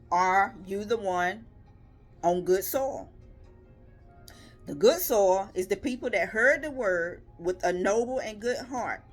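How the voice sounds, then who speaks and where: A woman preaching in a devotional sermon, voice at an ordinary middle pitch. She speaks earnestly and emphatically, stacking repeated questions and rhythmic lists. Faint music plays softly behind her. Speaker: lay preacher.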